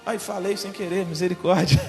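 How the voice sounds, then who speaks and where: A man preaching as a church pastor, telling a story in an emphatic, animated way, with a Brazilian Portuguese accent. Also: sits high, moderate pace, creaky, in a large hall, faint music behind. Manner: emphatic and animated, builds to shouting. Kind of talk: sermon told as a personal story. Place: church hall.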